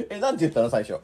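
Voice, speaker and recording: A man's voice: sits high, slightly rough. A man co-hosting a casual comedy talk podcast, reacting to his partner's story with blunt, teasing remarks. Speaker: podcast co-host.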